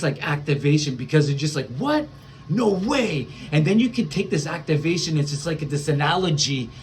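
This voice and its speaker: Man, fairly high voice, rambling spiritual monologue, lots of fillers and restarts, faint background noise. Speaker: spiritual vlogger.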